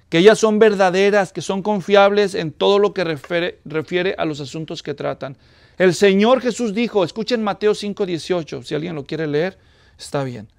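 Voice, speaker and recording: A pastor preaching a sermon, putting questions to the congregation. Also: male voice, high voice, smooth, no room sound, clean studio sound. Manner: conversational teaching with questions to the congregation.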